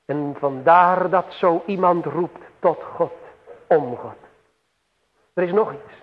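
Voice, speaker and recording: A man preaching a sermon slowly and solemnly, with emphatic swells and long pauses. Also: fairly high pitch. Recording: tinny phone-like radio broadcast with long hall reverb.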